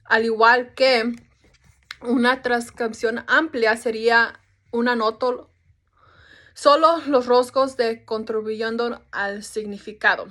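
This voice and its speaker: Young woman, student presenter, somewhat high voice, casual explaining, restarts, English fillers. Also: steady tone, slow pace, fairly bright tone. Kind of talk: class presentation.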